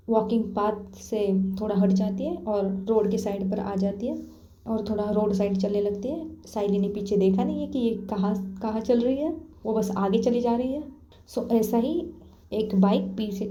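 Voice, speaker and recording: A woman's voice: fairly high pitch, mellow, echoey room. A woman narrating a story in a casual spoken style, voicing the characters' lines herself. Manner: voices the characters' dialogue herself.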